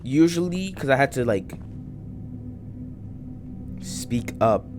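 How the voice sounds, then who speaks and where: A young man with a groggy morning voice giving rambling, halting commentary while playing a game, full of fillers and restarts. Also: mid-range voice, expressive, darkish tone, faint music behind. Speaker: gaming channel host. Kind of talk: casual let's-play commentary.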